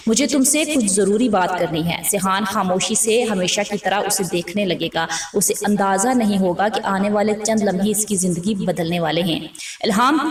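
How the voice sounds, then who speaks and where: Female drama-review narrator; suspenseful, dramatic retelling, mic set back in a reverberant room. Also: mid-range voice. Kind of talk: storytelling episode preview. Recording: roomy distant mic.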